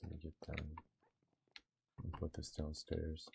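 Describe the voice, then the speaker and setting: A man's voice: extremely low pitch, monotone, a little slow, vocal fry, a little mellow, breathy edge. A young man streaming a game, chatting casually with his viewers in a laid-back, slangy way. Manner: laid-back, slangy, talks to chat and himself. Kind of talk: casual live-stream chat.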